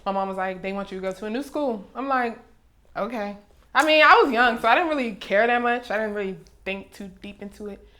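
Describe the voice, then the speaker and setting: A woman's voice: fairly high pitch, brisk. A woman in her twenties from Maryland, a music artist relaxing into an interview chat in a recording studio and telling her stories with easy laughs. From Maryland, USA. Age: 20s. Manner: relaxed storyteller, laughs easily.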